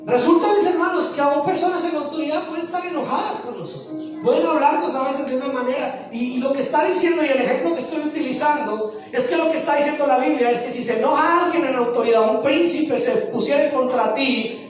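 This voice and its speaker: A woman's voice: high voice, quick pace. A woman pastor preaching a sermon, asking the congregation questions and answering them herself. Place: church sanctuary. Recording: echoey church from far off, faint music.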